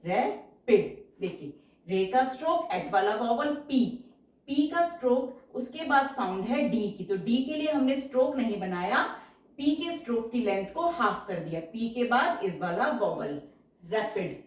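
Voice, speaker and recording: Heard from far off the mic in a very echoey space, a woman with a somewhat high, sing-song voice teaches shorthand at a moderate pace. Her tutorial is patient and step-by-step, explaining each stroke and repeating every example word.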